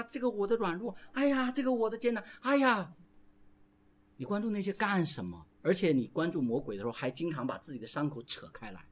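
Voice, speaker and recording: A male pastor preaching a sermon, animated and calling out to the congregation for responses. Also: a little high, slightly rough.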